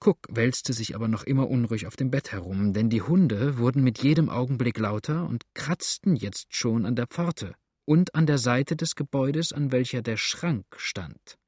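A male narrator reads a story aloud in a steady, even manner. His pitch sits in a middling range. The sound is close and dry, with no room echo. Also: moderate pace, husky. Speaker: audiobook narrator. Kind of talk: scripted narration.

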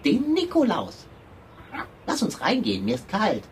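An actor voicing a plump, stubborn talking tomcat with a dry, demanding, deadpan manner in a children's radio play. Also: male voice, high voice, unhurried, a little hiss or hum, heavily acted. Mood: bossy.

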